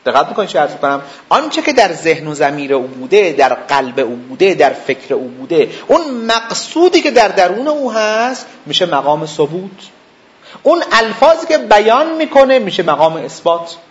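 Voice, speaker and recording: A man's voice: high-pitched, sing-song, lo-fi sound. A man teaching a seminary lesson, explaining step by step, repeating points and checking whether his students follow. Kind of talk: didactic lecture.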